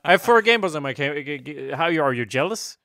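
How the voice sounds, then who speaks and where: A man's voice: on the high side, lively intonation, quick pace, bright, forceful tone, dry recording, studio quality. A man co-hosting a podcast in casual banter, playful and joking with ironic asides. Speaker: podcast co-host.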